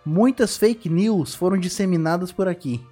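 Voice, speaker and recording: A man's voice: high-pitched, moderate pace, dark tone, breathy edge, soft background music. A man hosting a casual podcast quiz game, reading clues aloud in a playful, teasing way. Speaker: quiz host.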